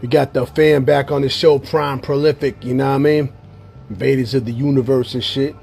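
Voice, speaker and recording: A man hosts a casual hip-hop interview show over a video call, sounding tired and losing his voice as he talks in a laid-back, slangy way with many fillers and curses. His mid-range voice is steady, brisk, slightly rough and a little mellow, with vocal fry.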